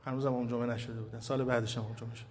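A man, a cleric, giving a sermon full of personal memories, swelling loud and then dropping soft. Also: medium pitch, little pitch movement. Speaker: cleric speaker. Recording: hall reverb with faint ambient noise.

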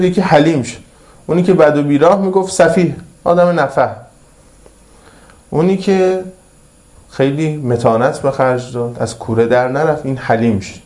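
A male preacher giving a sermon who recites Arabic slowly and then explains it in plain, colloquial talk, using repetitive, emphatic phrasing. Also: a little high, darkish tone. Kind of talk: religious sermon.

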